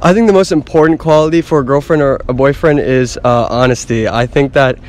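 A man's voice: medium pitch, brisk, a little mellow. A young man answering a street interview outdoors on campus, explaining his view in long, articulate sentences.

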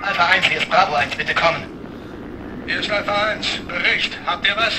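A man's voice: high-pitched, normal speed. An actor playing a male soldier on radio duty, speaking in clipped military radio talk over a two-way radio in a dubbed video game. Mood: terse. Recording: distant noisy radio chatter.

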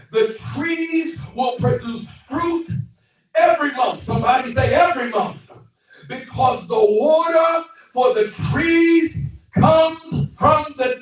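High-voiced man preaching in an echoey hall. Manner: call-and-response preaching, frequent shouted exclamations. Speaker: guest pastor. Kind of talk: preaching sermon. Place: church hall, small. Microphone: handheld mic, far camera. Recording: echoey hall from far off, faint music.

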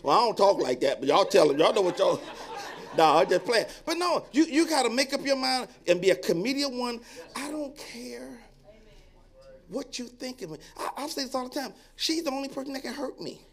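Male pastor, high voice with wide swings, playful storytelling sermon, acts out hecklers, goes soft and low to exhort. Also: normal speed. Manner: animated and joking, acts out voices of onlookers; drops to a low, quiet tone when reading and exhorting.

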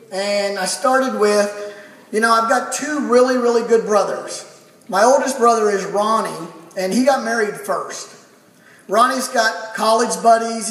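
A middle-aged man giving a folksy town-hall speech from a podium, building a repeated punchline. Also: high voice. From Texas. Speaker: family doctor introducing a speaker. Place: large theater stage with crowd. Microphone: podium mic, recorded by a far audience camera. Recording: echoey hall from far off, loud crowd.

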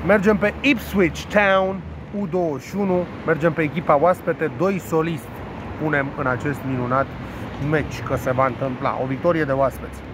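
A man's voice: fairly high pitch, fairly even intonation, background noise. A man casually talking through the day's sports betting tips outdoors, joking crudely and playfully mangling foreign team names. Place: outdoors, caught in rain.

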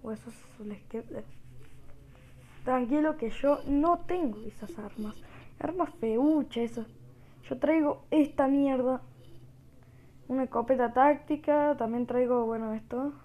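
A woman with a Rioplatense Spanish accent giving gameplay commentary, talking quietly and joking as she reacts to the game. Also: a little high, a little slow. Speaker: gamer.

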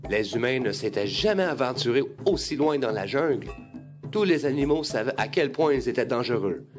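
A man reading a children's story aloud, lively and expressive. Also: medium pitch, normal speed. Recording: music bed under the voice.

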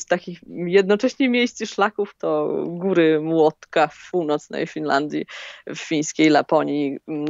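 A woman guest in an interview, answering questions in a calm, thoughtful and explanatory way. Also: low-pitched, dry recording, muffled recording. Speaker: long-distance hiker, guest.

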